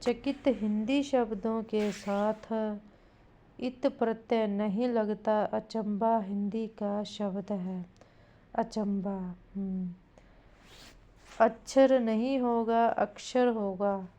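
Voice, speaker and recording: A woman teacher drilling correct spellings in an exam-prep grammar lesson, deliberate and repetitive, now and then addressing her listeners directly. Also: mid-range voice, steady tone, warm tone.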